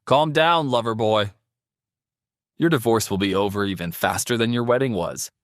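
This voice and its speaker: A man's voice: on the low side, moderate pace, no echo, studio quality, lightly acted. A man voicing a smug, mocking young rival in an audio drama. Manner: mocking, condescending. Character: smug scoffing rich young male rival.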